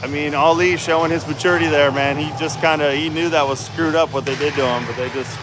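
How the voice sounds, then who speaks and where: A man's voice: a little high, fairly even intonation, fast talker, over music. Man calling hockey in an echoey rink. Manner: informal, colloquial, chatty with exclamations. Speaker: hockey play-by-play commentator. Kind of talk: casual live sports commentary. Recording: echoey noisy rink, ambient clatter. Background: clear rink noise and ambience.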